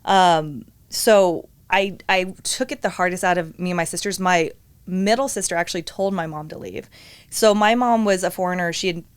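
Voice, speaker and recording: A woman's voice: fairly low pitch, normal speed, clear, resonant tone, no room sound. A woman born in England, a podcast guest talking candidly and chattily about her upbringing and career. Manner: candid, chatty, laughs often. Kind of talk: casual interview chat.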